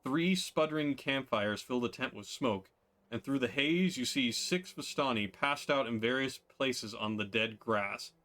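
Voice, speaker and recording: A man's voice: medium pitch, unhurried, fairly bright tone. A man narrating a tabletop game as game master in a casual style, with fillers and laughs.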